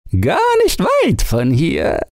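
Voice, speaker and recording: A high, slow, gentle sea turtle. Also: male voice, huge pitch swings, gravelly, dry recording, studio quality, heavily acted. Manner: slow, high, singsong and formal. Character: small grateful sea turtle, gentle and kind.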